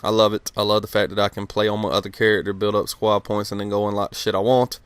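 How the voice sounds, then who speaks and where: A man's voice: on the low side, flat delivery, fast talker, clean tone, dry recording. A man in his late twenties giving casual, rambling gameplay commentary outdoors in the cold, swearing freely, with lots of fillers. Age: late 20s. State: cold, a little stuttery. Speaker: gaming commentator. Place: outdoors outside his house.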